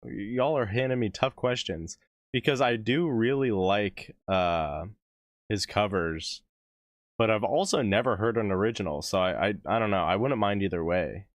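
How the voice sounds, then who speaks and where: Guy streaming music reactions, voice going hoarse, lowish pitch, dry close sound, rambly and chill. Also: normal speed, no room sound. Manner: rambling, self-interrupting, laughs often. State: losing his voice. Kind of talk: casual live-stream chat.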